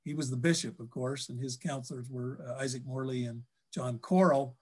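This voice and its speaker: An older man on a video call from a book-lined office, recounting history in a halting way, full of ums and restarts. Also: medium pitch, a little mellow, breathy edge. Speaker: historian guest. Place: office with bookshelves.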